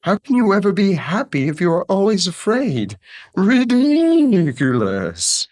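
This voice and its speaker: Papagayo, a shrill squawking parrot voiced by a man. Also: huge pitch swings, measured pace, darkish tone, dry recording, studio quality, heavily acted. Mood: scornful. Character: loud mischievous male parrot, carefree and scornful. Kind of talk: storybook voice acting.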